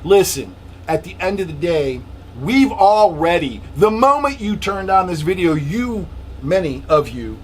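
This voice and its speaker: A man's voice: sits high, sing-song, measured pace, slight background noise. A man with an American accent talking bluntly in a casual opinionated discussion, repeating phrases for emphasis. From USA: South Carolina, Texas and Michigan. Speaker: panelist on a discussion show.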